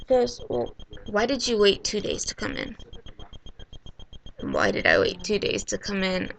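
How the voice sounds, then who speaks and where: A young woman recounting a frustrating hospital visit in a personal vlog, halting with frequent ums and restarts. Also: medium pitch, a bit bright, a little hiss or hum, poor audio. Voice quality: gravelly creaky voice. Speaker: patient telling her story.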